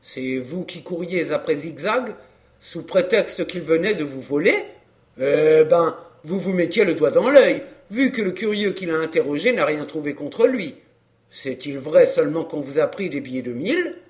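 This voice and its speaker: A man's voice: on the high side, lively intonation, normal speed, a little mellow, close to an everyday voice. A man voicing a down-and-out middle-aged fairground clown in an audiobook, talking in coarse, grumbling slang. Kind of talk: audiobook character reading.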